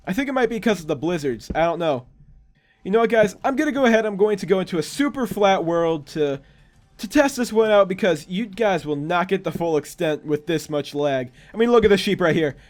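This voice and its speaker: A man's voice: high voice, lively intonation, normal speed, a little mellow. A young man casually walking viewers through a game creation, chatty and often stumbling over his words. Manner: chatty, stumbles and restarts, self-correcting. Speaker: gaming YouTuber. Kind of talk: casual gameplay walkthrough.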